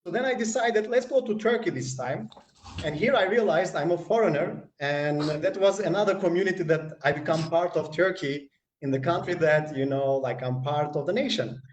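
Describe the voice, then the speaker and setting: A man's voice: a little high, normal speed, echoey room, lo-fi sound, a little hiss or hum. A man from North Macedonia, a guest on a live online panel, talking earnestly and rambling with many fillers. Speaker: guest, hackathon community manager.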